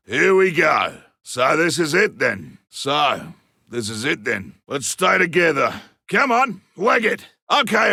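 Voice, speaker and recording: Griffin, gravelly old veteran monster hunter. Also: male voice, a little high, sharp tone, dry recording, studio quality, full character voice. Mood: ready, commanding. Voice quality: gruff, gravelly. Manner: colloquial, wry, theatrical. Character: ageing veteran monster hunter, gruff, cocky and stubborn. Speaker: playable game character. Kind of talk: video game combat voice lines.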